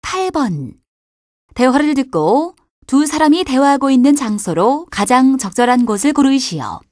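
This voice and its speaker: A woman announcer reading exam question numbers and instructions in a brisk, formal way. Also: high-pitched, sing-song, darkish tone, dry recording. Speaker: test announcer. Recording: dry studio recording.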